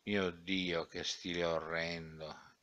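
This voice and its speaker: A man's voice: low-pitched, level tone, takes it slowly, pushed and bright, dull audio, exaggerated voice. Man reading as a scornful young critic. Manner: emphatic, scornful pronouncements. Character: zealous young male critic, fussy and indignant. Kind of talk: audiobook character reading.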